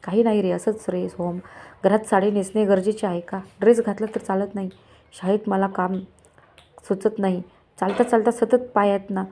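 Young bride, chatty, soft mellow tone; woman narrator doing it. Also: medium pitch, steady tone, moderate pace, lightly acted. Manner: chatty, questioning. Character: cheerful young bride, newly married.

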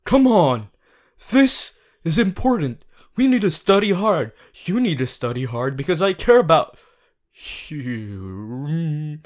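A voice actor plays an earnest, bossy, worried young student hero in an audio roleplay, addressing the listener directly. His voice sits on the high side with a sing-song quality, and his delivery is insistent, halting and emphatic.

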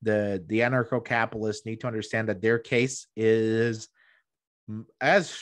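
An economic historian in his thirties joins a podcast by video call from a small room at home, recorded dry on a close desktop microphone. His voice sits on the low side with fairly even intonation and a moderate pace as he argues emphatically, often repeating words as he goes.

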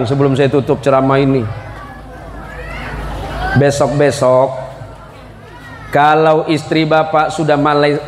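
A middle-aged man giving a humorous sermon, teasing the audience and asking them questions. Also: a little high. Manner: joking, teasing, asks the crowd questions. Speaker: preacher. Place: large hall at a religious school celebration. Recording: long hall reverb with crowd and noise.

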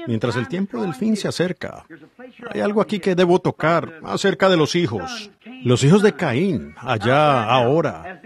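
A man with a fairly high voice gives a sermon in simultaneous interpretation, swinging his pitch up and down as he preaches with emphasis. He keeps asking the listeners rhetorical questions. A congregation is clearly heard behind him.

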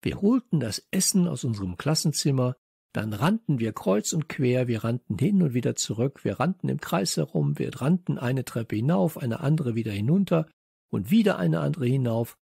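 A man narrating a children's audiobook with lively storytelling. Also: mid-range voice, moderate pace, gravelly, slightly rough, no echo, clean studio sound. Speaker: audiobook reader.

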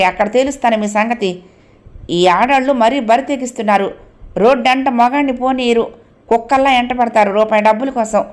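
A woman voicing a bullying male night-beat policeman, gruff and interrogating. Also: on the high side, lightly acted.

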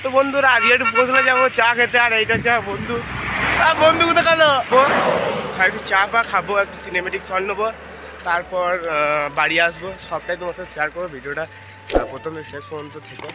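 A man's voice: high-pitched, fast, heavy background noise. A young man, chatting to viewers while vlogging outdoors on a phone camera. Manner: chatty, keeps addressing viewers as friends. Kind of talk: casual travel vlog narration. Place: outdoors on village roads. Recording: background music under voice.

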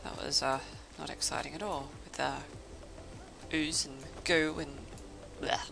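A woman's voice: deep voice, fairly even intonation, measured pace, vocal fry. A young woman chatting casually while playing an online game with friends, laughing often and easily amused, speaking close to her microphone. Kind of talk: casual gameplay chat. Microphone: close desk mic.

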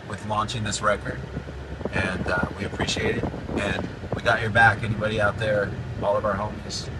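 A man in his forties who hosts a podcast and fronts a band chats casually in a moving car, sounding relaxed, upbeat and promotional in a low voice. He's recorded on a phone held at arm's length, so the mic is slightly distant and loud road and engine noise comes through.

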